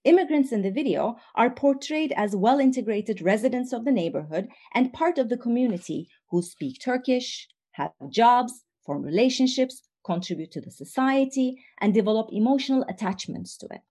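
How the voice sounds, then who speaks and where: A woman reads a prepared academic talk in a steady, analytical way. Her voice sits somewhat high but sounds soft and mellow. Now and then she restarts a word and carries on. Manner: measured, analytical reading with occasional restarts. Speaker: academic presenter. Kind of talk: reading a scripted academic talk.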